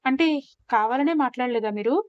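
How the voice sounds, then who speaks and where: A woman's voice: on the high side, a little fast, dry recording, muffled recording, natural voice. A woman voicing an emotional young wife who scolds and pleads, in a Telugu audio story. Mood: sulky.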